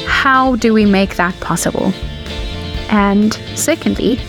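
A woman hosting a podcast, reading a scripted introduction and then opening an interview. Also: mid-range voice. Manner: polished, reads from script. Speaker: podcast host.

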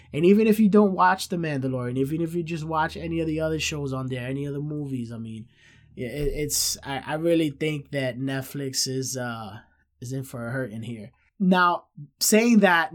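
Nasal, congested man hosting a podcast. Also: a little high. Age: 30s. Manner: emphatic repetition, addresses listeners as guys. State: stuffed-up nose from a cold, short of breath. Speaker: podcast host. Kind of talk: solo pop-culture podcast commentary, casual.

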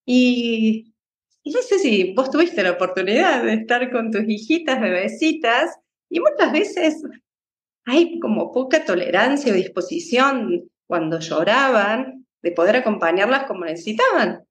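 A woman, a psychologist guest in a conversation, explaining in a calm, unhurried way. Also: on the high side, echoey room. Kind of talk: interview conversation.

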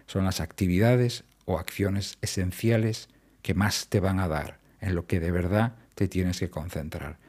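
A man's voice: low-pitched, fairly even intonation, measured pace, darkish tone. A man, hosting a solo podcast and explaining his points emphatically, repeating key words. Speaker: podcast host. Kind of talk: solo productivity podcast talk.

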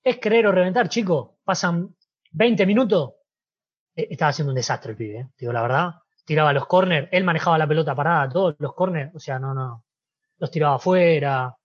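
Rioplatense man telling a story, husky. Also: fairly high pitch, a little fast, dull audio. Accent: Rioplatense Spanish. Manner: animated storyteller, acts out dialogue, frequent "¿viste?". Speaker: interview guest, former footballer. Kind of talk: casual storytelling.

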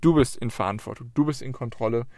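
A man's voice: medium pitch, fast talker, a little mellow, no room sound, studio quality. A man giving a motivational monologue, speaking earnestly and straight to the listener with repeated questions and the odd curse word. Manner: emphatic, occasional swearing.

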